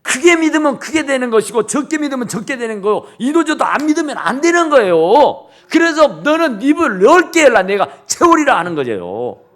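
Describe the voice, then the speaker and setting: Middle-aged male pastor, high lively voice, emphatic sermon delivery. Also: moderate pace, hardly any pauses. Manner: emphatic preaching, acting out dialogue. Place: church sanctuary. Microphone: TV camera recording.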